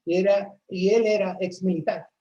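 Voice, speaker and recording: A woman's voice: medium pitch, steady tone, moderate pace, warm tone, muffled recording. A woman from a church ministry, talking earnestly about her faith in a casual chat, often restarting her sentences. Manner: earnest storytelling with frequent restarts.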